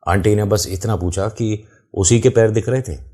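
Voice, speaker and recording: A man's voice: lowish voice, normal speed, dark tone. A man telling a true-style horror story in casual first person. He talks to the listener directly and explains the scene as he goes.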